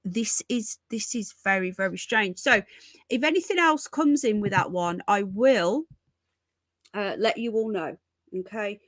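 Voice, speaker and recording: At a measured pace and in a mid-range voice, this livestream host runs a relaxed news stream from her home, talking directly to viewers. She tends to repeat herself and addresses them as folks and darling. There's no room sound in the recording.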